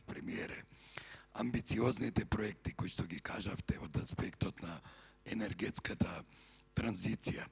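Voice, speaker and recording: A low, gravelly man with a rough, breathy voice puts an earnest question to the panel from the floor of a conference hall. He speaks in a measured, formal way into a handheld microphone. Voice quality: husky, whispery voice. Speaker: energy efficiency expert asking from the floor. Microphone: handheld audience microphone.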